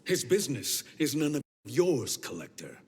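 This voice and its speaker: An actor playing a solemn, resolute spiritual warrior in a video game, speaking firmly and earnestly. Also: male voice, medium pitch, wildly swooping pitch, normal speed, a little hiss or hum. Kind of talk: dramatic video game acting. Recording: voice under loud game music.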